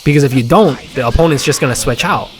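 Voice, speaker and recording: A man's voice: mid-range voice, fast, faint music behind. A man giving casual gameplay commentary, rambling with lots of fillers and restarts. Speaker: gaming content creator.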